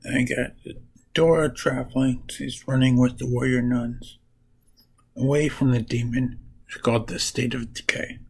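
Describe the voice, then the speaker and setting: A man casually retelling comic book plots in a halting, piece-by-piece way. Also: medium pitch, little pitch movement, vocal fry, a little mellow, slightly rough, low-quality recording.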